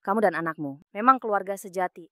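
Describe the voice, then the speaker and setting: Woman voicing a sharp-tongued young accountant. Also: mid-range voice, quick pace, dry recording, studio quality, lightly acted. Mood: defiant. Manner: biting, sarcastic retorts. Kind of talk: dubbed short drama.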